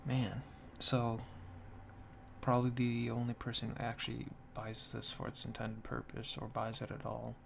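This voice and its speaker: A man reads reviews in a close, soft whisper at normal speed, adding deadpan, tongue-in-cheek commentary with dry humor. Breathy and hushed, with a soft low murmur, his voice is captured by a binaural microphone very near the ears, plus faint noise.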